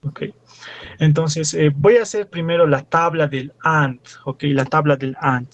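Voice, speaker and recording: A man's voice: fairly high pitch, fairly even intonation, unhurried, muffled recording. A young man with a Bolivian Spanish accent, a teaching assistant working through problems step by step in class and quizzing his students. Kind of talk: classroom lecture.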